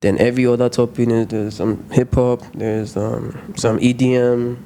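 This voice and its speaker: Man in his twenties, rambling podcast guest, relaxed, laid-back delivery, faint hiss behind. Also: medium pitch, moderate pace. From Nigeria. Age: 20s. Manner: rambling, lots of fillers, laughs easily. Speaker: guest musician. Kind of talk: casual podcast chat.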